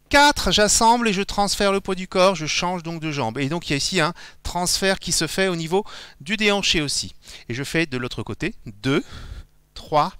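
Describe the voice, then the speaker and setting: Lively bright-voiced male dance teacher. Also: on the high side, clear, resonant tone, no room sound, studio quality. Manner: counts beats aloud while demonstrating steps; explanatory, friendly instruction. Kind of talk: live online dance class.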